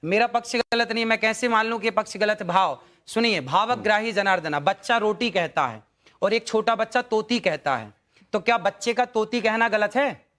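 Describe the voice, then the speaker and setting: A man's voice: sits high, normal speed, bright, forceful tone. A man who is a religious preacher, a guest in a televised debate. He defends himself in a preachy way, quoting sayings and scripture and calling others brother.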